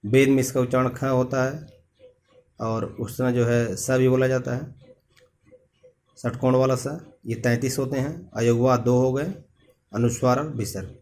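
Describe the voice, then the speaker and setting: Man slowly explaining a lesson. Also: medium pitch, fairly even intonation, darkish tone. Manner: slow, repetitive explaining with many pauses. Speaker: teacher. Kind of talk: classroom lesson.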